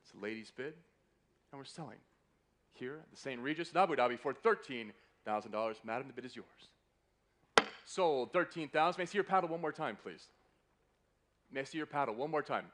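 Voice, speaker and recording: A man's voice: medium pitch, lively intonation, a little fast, long pauses, fairly bright tone, a little hiss or hum. A man working as a fine art auctioneer, calling a live sale with polite, courteous patter that keeps repeating the bids. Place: live auction room in a hotel.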